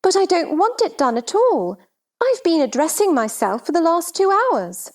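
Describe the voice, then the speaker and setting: A woman's voice: extremely high pitch, very animated, moderate pace, a little mellow. A woman playing a scatterbrained, helpless queen in a theatrical children's storybook drama, fluttery and fussy. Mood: fussy, insistent. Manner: fluttery, nonsensical insistence, crying out.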